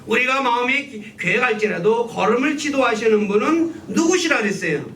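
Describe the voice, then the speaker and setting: Male pastor, bright voice, animated sermon delivery, heard from a distance in a reverberant church with a faint rumble. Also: a little fast. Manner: asks the congregation questions and answers them. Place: church sanctuary.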